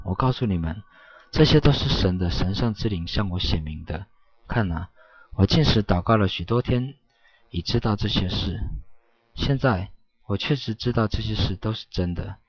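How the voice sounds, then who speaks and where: A man giving a solemn scripture reading in a preaching cadence, with steady emphatic affirmations. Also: on the low side, husky, dry recording. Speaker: scripture reader. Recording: dull, dry lo-fi recording.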